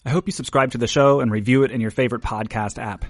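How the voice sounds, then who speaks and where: Relaxed man hosting a podcast. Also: mid-range voice, fast, no echo. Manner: relaxed, laughs easily. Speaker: podcast host. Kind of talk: casual podcast chat and outro.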